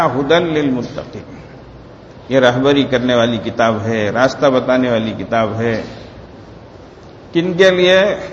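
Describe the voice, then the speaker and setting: A man's voice: mid-range voice, a little hiss or hum. A male preacher delivers a sermon with a long, ringing reverb around his voice, as if he were standing in a large hall. The sound is dull and lo-fi, with a faint ambience behind it. He keeps asking the congregation questions and draws out key phrases. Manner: rhetorical questions to the audience; slow emphatic phrases on religious words. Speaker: Islamic preacher. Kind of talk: Ramadan sermon.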